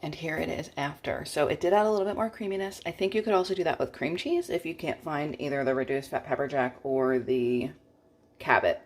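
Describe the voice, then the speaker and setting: A woman's voice: low-pitched, a little fast. A woman vlogging about her food in a casual, chatty way, often breaking into informal asides and interrupting herself. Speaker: vlogger sharing meals and recipes. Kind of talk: casual cook-with-me vlog chat.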